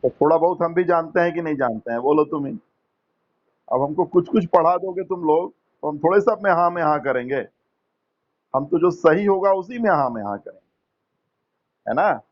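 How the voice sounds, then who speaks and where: A man teaching an English lesson, quizzing students one by one in a patient, coaxing, gently teasing way. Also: a little high, moderate pace, pauses often, dull audio. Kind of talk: online class quizzing students.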